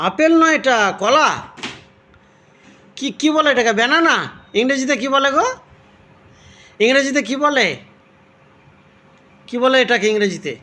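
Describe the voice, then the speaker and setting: A woman playing with her toddler at home, asking simple questions again and again and gently scolding with tutting sounds. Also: high voice, unhurried, long pauses. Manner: repeats simple questions over and over. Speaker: parent filming her toddler. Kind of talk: playful coaxing talk to a toddler.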